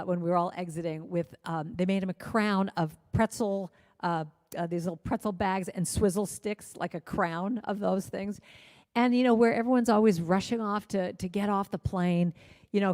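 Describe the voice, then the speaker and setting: A woman's voice: medium pitch, darkish tone. A woman minister telling stories in a conversational sermon, peppered with "you know" fillers. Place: church livestream. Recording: echoey hall with faint music.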